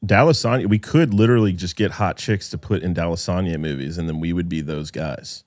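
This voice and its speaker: A man's voice: sits low, brisk, darkish tone, no echo. A man hosting a casual podcast chat, profane and teasing. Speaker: podcast host.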